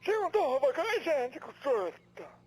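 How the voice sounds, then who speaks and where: An older country farmer rambles hesitantly over the phone. His voice sits high and swings widely in pitch. He pauses and restarts as he asks a favor. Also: sing-song. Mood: asking a favor. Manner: rambling, hesitant, rural dialect. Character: older male Finnish farmer neighbor calling.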